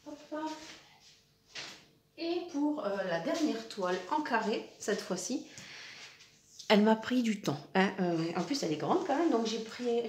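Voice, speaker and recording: A woman's voice: fairly high pitch, darkish tone, a little hiss or hum. A woman, a crafting vlogger chatting casually, with many fillers and restarts, as she shows her finished pieces. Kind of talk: casual show-and-tell vlog.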